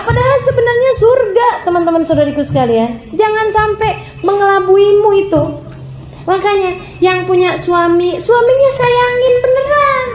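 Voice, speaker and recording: A woman preaching a sermon to her sisters, emphatic, swinging between high exclamations and low drawn-out phrases. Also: roomy sound, slight background noise. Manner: addresses her listeners as sisters again and again. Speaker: Islamic preacher.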